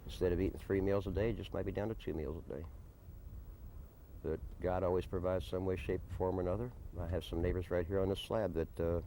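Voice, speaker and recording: An American desert camp resident answers a documentary interviewer's questions unscripted, in a deliberate, plain-spoken manner full of folksy turns of phrase. His voice sits low with a dark tone. It was shot on location at the informal camp on noisy early 1990s field video.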